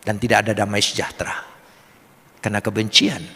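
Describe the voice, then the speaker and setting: A man preaching a sermon, swelling to emphatic peaks and dropping to quiet, earnest stretches. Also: fairly low pitch, level tone, fairly quick, breathy edge. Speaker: pastor. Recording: long hall reverb.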